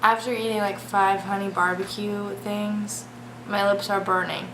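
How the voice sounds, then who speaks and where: A woman's voice: medium pitch, level tone, unhurried. College age girl co-hosting a vlog, casual chat, echoey and really noisy. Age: young adult. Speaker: vlog co-host.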